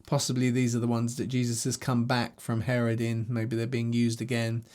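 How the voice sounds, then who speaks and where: A man's voice: medium pitch, monotone, normal speed, a little mellow. Man, Bible teacher, scripture reading with commentary, conversational, self-recorded to a camera. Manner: conversational, thinking aloud with restarts. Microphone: self-recorded to a video camera.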